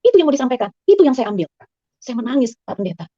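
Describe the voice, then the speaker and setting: A woman giving an earnest personal testimony, telling her story quickly and rising high and excited at times. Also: no echo. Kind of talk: emotional spoken testimony. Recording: slightly dull, dry recording.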